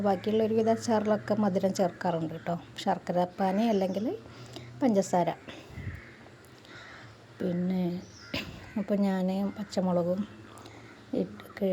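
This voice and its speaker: A middle-aged woman chats through a home cooking voice-over, often dropping in friendly tag words. Her voice is mellow and stays fairly level in pitch, with a faint hiss of noise underneath. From Malappuram, Kerala. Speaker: cooking channel host.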